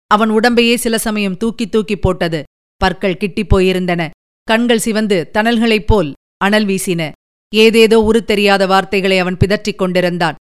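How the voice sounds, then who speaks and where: A woman narrating a novel in a measured, deliberate storytelling manner. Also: medium pitch, clean tone. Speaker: audiobook narrator.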